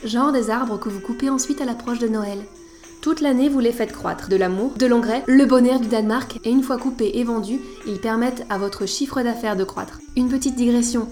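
A woman's voice: on the high side, moderate pace, a little mellow, soft background music. A woman hosting a scripted educational podcast, didactic and playful with teasing asides. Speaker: podcast host.

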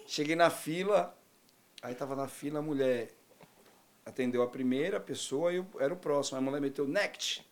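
A man's voice: a little high, a little fast. A man in casual conversation, animatedly telling a story and laughing through it. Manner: animated, laughs through his own anecdote.

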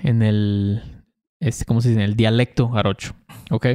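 A man's voice: fairly low pitch, little pitch movement, moderate pace, dark tone, clean tone. A man from Veracruz with a Veracruz Mexican accent, co-hosting a podcast and casually explaining local slang, adding English glosses and frequent tag questions. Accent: Veracruz Mexican Spanish. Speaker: podcast co-host. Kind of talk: casual conversational language lesson.

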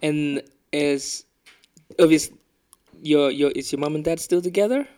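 Stammering male interviewer, slightly high voice. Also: a little slow, dark tone. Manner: stammering, repeats words when starting questions. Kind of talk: casual interview.

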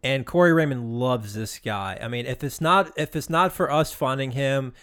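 A man with an ordinary mid-range voice, casually talking through football prospects. He sounds measured and agreeable, offering steady analysis as a podcast co-host. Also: mid-range voice, smooth. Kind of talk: casual sports talk.

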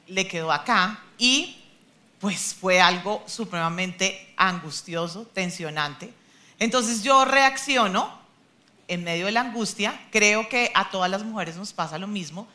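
A woman, a mother, telling a testimony at church in an animated way, laughing at herself. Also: mid-range voice.

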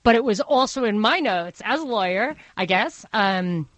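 Speaking at a moderate pace, this Brooklyn-accented radio talk show host has an expressive, slightly bright mid-range voice. She muses conversationally, drifting into opinionated tangents. The close studio microphone picks up no room sound.

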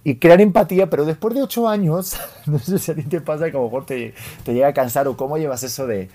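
Spanish man hosting a podcast, animated. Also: a little high, fast. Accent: Spanish from Spain. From Spain. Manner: animated, playful, acts out voices in quotes. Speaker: podcast host. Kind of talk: casual interview.

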